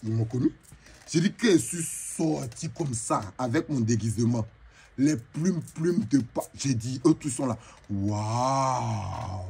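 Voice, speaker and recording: Brief: a man doing a showy, bragging female braider chief with an Ivorian French accent, pitched fairly high and swinging wildly up and down. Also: vocal fry, slight background noise. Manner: boastful, animated, mixes in broken English. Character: flamboyant boastful female braider chief from a market. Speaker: comedian. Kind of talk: comic monologue in character.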